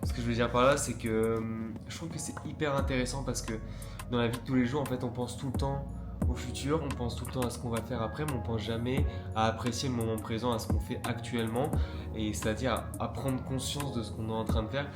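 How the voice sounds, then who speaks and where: A man's voice: mid-range voice, fast, roomy sound, over loud music. Chatty young French man vlogging. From France. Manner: relaxed, chatty, many fillers. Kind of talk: casual vlog narration.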